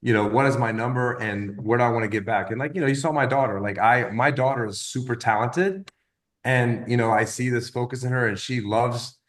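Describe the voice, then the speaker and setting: This man, a 50-something wellness business coach, speaks quickly at a mid-range pitch in a loose, casual coaching talk about goals. Working through his ideas, he tends to repeat words, and he often slips into lively short stories.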